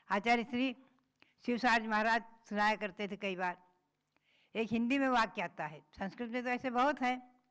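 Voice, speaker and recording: A woman's voice: on the high side, a bit bright, smooth. A woman, a Jain nun, giving a patient religious discourse, reciting verses and then explaining them.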